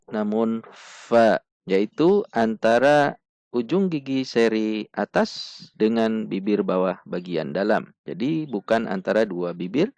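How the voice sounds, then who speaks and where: In a patient, slow-moving tajwid class, a man chants Quranic verses in long, melodic lines, breaking them into syllables and counting the beats out loud. His voice is fairly low and a bit mellow, and the recording has no echo.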